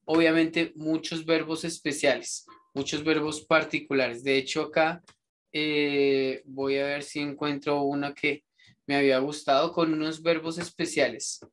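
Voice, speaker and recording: A man teaching an English class, explaining slowly and rambling with many fillers and restarts. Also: fairly high pitch, flat delivery, a bit bright.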